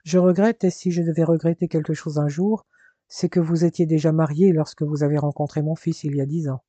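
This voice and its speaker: A man's voice: fairly high pitch, flat delivery, fairly quick, mellow, dry recording, natural voice. A man reading aloud voices a protective older father who speaks formally and reassures firmly. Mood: firm, reassuring.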